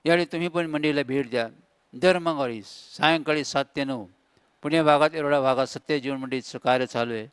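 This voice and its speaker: A man's voice: mid-range voice, brisk, fairly bright tone, clear, resonant tone, dry recording. Man preaching an emphatic sermon, dry sound. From India. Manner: repetitive, emphatic preaching with lists and rhetorical calls. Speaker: pastor.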